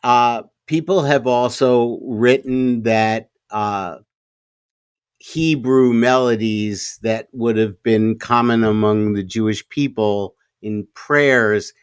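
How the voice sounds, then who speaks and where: A man's voice: medium pitch, steady tone, slow pace, clear, resonant tone, no room sound, studio quality. A man with a standard American accent discussing film conversationally, in an earnest, reflective manner. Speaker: film commentator.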